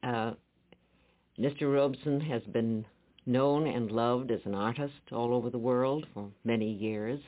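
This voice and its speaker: A man interviewing a guest in a radio studio, heard as an old radio broadcast; he speaks in a measured, polite way with hesitant pauses. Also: mid-range voice. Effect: old radio broadcast sound. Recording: narrow-band 1950s radio archive.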